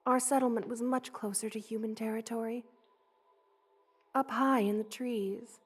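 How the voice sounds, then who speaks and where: Playing a loving, motherly spider queen in hushed ASMR, she keeps a steady tone at a moderate pace, her somewhat high voice carrying a breathy edge. She sounds tender and wistful and often nears a whisper.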